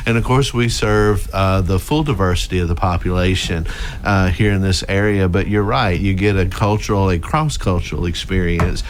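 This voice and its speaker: Low-voiced Mississippi Southern man, noisy studio recording. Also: fairly even intonation, moderate pace. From Mississippi, United States. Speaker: university president, interview guest. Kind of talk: in-studio radio interview, storytelling. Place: radio studio. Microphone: studio microphone, close.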